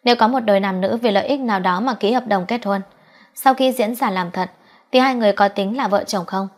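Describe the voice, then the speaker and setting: A woman reading the lines of a serious, guarded man around thirty in an audiobook, asking earnest, measured questions. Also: mid-range voice, lightly acted.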